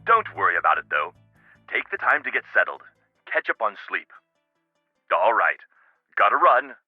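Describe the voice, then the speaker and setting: A man's voice: fairly low pitch, very animated, moderate pace, dry recording, faint music behind. An actor playing a busy, confiding male scientist in a video game, matter-of-fact, in dull-sounding audio. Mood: casual, reassuring.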